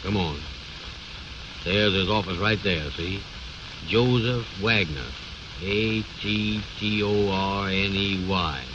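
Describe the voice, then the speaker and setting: A muffled, noisy old radio recording carries a pompous, blustering man. His voice sits low, and he talks in folksy, ungrammatical phrases, bossing like a self-appointed expert in a comedy serial. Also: slow, pauses often. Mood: self-assured. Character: pompous, bossy, know-it-all man bluffing his friend. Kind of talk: 1930s-40s radio comedy acting.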